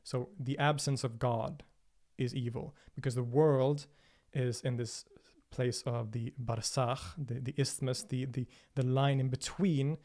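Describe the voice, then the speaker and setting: Speaking a little slowly with few pauses, this man has a steady, mid-range, somewhat dark voice. He's from Sweden, Swedish is his first language, and he answers viewers thoughtfully on a casual livestream, often using fillers and starting over.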